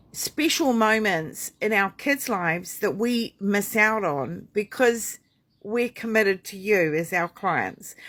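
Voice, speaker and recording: A woman's voice: mid-range voice, a bit bright. A middle-aged woman midwife talking to camera in a heartfelt, chatty way, rambling with fillers and restarts. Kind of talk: heartfelt casual talk to camera.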